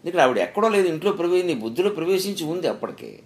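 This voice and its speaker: A man's voice: a little high, sing-song, very fast. Man giving a spiritual discourse. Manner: storytelling, rhetorical questions, emphatic rises. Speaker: spiritual speaker.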